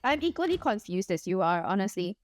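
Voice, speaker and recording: A young Singaporean woman with a mixed, partly Singaporean English accent rambles casually while gaming on a livestream, laughing often and pleading playfully. Her medium-pitched voice is sing-song and a little fast, with faint music behind it.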